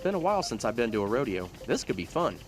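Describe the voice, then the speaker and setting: An actor playing a drawling, mock-menacing cowboy-type sidekick. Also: male voice, medium pitch, big pitch swings, fast talker, over music, lightly acted.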